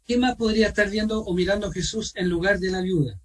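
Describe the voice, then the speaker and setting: A man with a Chilean accent teaching an online Bible study, asking his listeners questions and pausing with fillers. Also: high-pitched, distant mic, low-quality recording. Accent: Chilean Spanish. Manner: asks questions of the group, repeats himself, pauses with fillers. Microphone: video call.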